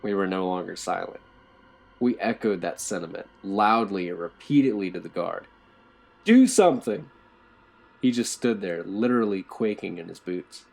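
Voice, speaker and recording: Guy reading a creepy story, low tense voice, kinda gravelly. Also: moderate pace. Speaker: narrator. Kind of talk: scripted horror story narration.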